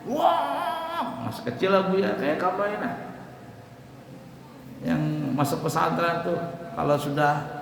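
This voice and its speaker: Animated man preaching in an echoey hall. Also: measured pace, gravelly, long pauses. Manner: animated, shouting and chanting examples, wide swings in pitch. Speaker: religious teacher addressing students. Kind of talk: lively sermon to students. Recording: echoey hall with faint room noise.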